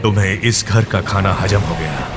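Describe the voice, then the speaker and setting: A proud, stern older faction leader in a dubbed film, his fairly low voice carrying firm authority. Film score plays clearly behind him. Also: moderate pace, music in the background. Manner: authoritative, commanding. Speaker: dub actor.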